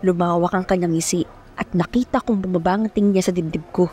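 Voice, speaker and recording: A young woman narrates an audio romance serial in the first person as a dramatic storyteller. Her lowish, warm voice moves quickly with fairly even intonation over a music bed.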